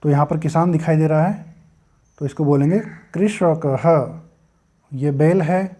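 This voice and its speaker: A man teaches a recorded lesson at an unhurried pace, pronouncing each vocabulary word so students can repeat after him. His voice sits a little high but sounds dark and mellow. He builds words patiently, one letter at a time, into a close mic.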